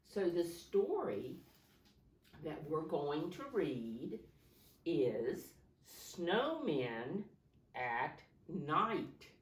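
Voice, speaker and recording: A preschool teacher with a low voice reads a picture book aloud at storytime for small children. She speaks slowly and instructively, using simple words, questions, and prompts. The recording sounds roomy, with the microphone set some distance away.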